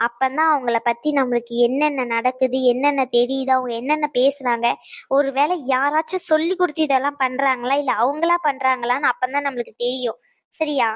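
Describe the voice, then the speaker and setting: A woman's voice: high voice, steady tone, fairly quick, no echo, clean studio sound. A woman doing cartoon dub voice acting in a bossy, scolding manner. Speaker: cartoon voice actor.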